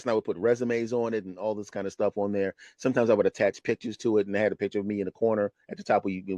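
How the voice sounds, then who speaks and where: A man in his fifties, a retired comedian, telling a personal story on his podcast in an animated, conversational way. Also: fairly low pitch, no echo, muffled recording. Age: 50s. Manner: animated, conversational, keeps asking "right?". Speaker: podcast host.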